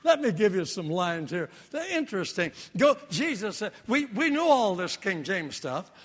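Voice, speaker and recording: A man's voice: high voice, very animated, moderate pace. An older man preaching a fervent sermon, repeating phrases for emphasis, in a hall with long reverb.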